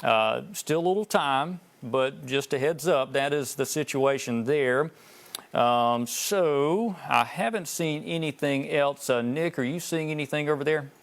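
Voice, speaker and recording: A man anchoring live severe weather coverage, talking conversationally and cautioning viewers in a measured, unscripted way. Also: fairly high pitch, vocal fry.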